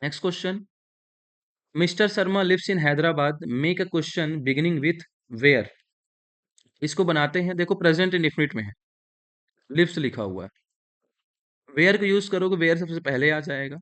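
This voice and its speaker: A man's voice: fairly high pitch, a bit bright. Indian male teacher explaining grammar. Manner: slow dictation of sentences, explaining step by step. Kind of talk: Hindi-English grammar lesson.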